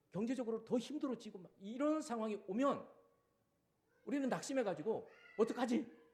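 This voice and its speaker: A man preaching a sermon as pastor, animated and acting out the cries and commands he quotes. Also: high voice.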